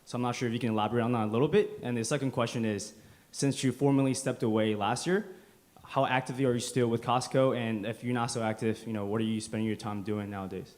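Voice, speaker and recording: A man's voice: medium pitch, fairly even intonation, fast, darkish tone. Man politely asking two questions. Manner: polite, careful. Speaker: audience member asking questions.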